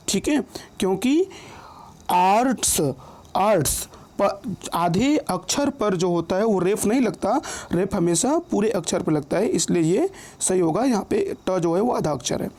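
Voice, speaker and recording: A man teaching an online grammar lesson, patiently repeating each word and rule slowly and often checking in with his listeners. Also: high-pitched, animated, darkish tone.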